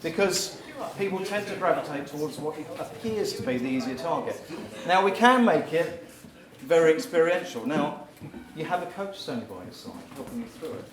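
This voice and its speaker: A man giving a short live talk, walking the audience through exercises and calling out loudly at times. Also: fairly high pitch, normal speed, hardly any pauses. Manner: energetic, instructing the crowd, rising to loud calls. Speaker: speaker at a live talk event. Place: event venue with a live audience. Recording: echoey hall, far from the mic, crowd noise.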